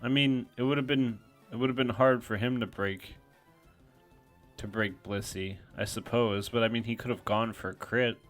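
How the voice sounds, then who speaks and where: A man's voice: medium pitch, steady tone, moderate pace, fairly bright tone, soft background music. A man giving casual, self-deprecating play-by-play commentary on a competitive game, thinking aloud as he goes.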